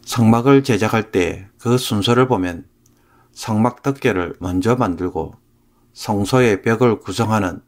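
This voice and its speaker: Measured low-voiced man explaining scripture. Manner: measured, phrase-by-phrase delivery. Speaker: pastor. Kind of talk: sermon commentary on scripture.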